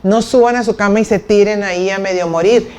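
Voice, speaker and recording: Woman lecturer, lively and teasing, acts out patient dialogues, speaking in a lecture hall. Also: medium pitch, brisk, a little hiss or hum. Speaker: nursing lecturer. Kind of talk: conference lecture.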